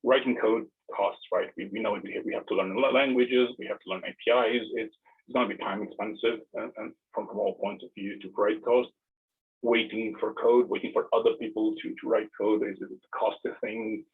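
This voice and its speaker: A low-voiced man, giving a tech talk. His voice is very husky and breathy, and he often stumbles and repeats words before going on. The sound is narrow and tinny, like a phone line. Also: fairly even intonation, normal speed. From Romania. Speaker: tech presenter. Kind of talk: online tech presentation.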